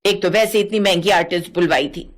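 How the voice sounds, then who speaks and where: A woman voicing a bossy, sharp-tongued widowed mother-in-law in her sixties, in a cartoon. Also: lowish voice, fairly quick, pitched below the performer's own voice, close to an everyday voice. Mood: mocking. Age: 60s (figure). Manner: scolding, mocking. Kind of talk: cartoon voice acting.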